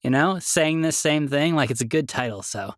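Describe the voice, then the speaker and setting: A man hosting a podcast in casual chat, playful and upbeat, quick with jokes. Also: fairly high pitch, a bit bright, dry recording, studio quality. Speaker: podcast host.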